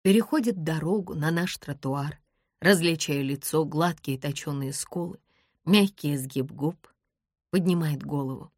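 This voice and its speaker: A woman narrating a first-person audiobook in an expressive storytelling way. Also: low voice, unhurried, husky, no echo, studio quality.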